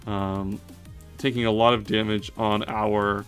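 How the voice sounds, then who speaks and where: Low-voiced man thinking aloud over gameplay. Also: level tone, measured pace, faint music behind. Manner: analytical, self-correcting, frequent "um" and "uh". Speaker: competitive battle commentator.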